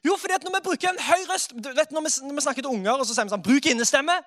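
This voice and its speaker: A man preaching a sermon in a lively way, dropping soft and then rising to loud exclamations. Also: extremely high pitch.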